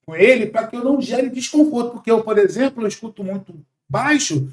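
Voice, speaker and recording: A man in his forties from Brazil, a sales trainer talking in a podcast conversation, animated and emphatic, lecturing. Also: high voice, brisk, reverberant. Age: 40s.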